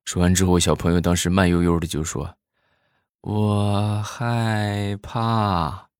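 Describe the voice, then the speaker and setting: A man telling comic stories in a lively way, acting out the characters' voices. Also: deep voice, quick pace, dry recording, studio quality. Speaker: comedian. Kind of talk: stand-up joke telling.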